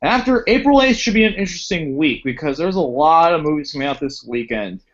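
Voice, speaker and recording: Male host, blunt film chat, a little high, dull home audio. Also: expressive, fairly quick, fairly bright tone. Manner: opinionated, reads summaries stiffly. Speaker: podcast host. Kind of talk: casual movie chat. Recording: muffled lo-fi podcast audio.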